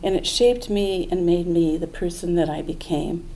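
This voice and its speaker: An older woman with a fairly low voice tells a personal story to a live audience. She sounds earnest and reflective. The setting is a small museum event room. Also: fairly even intonation, normal speed, mellow, rough recording.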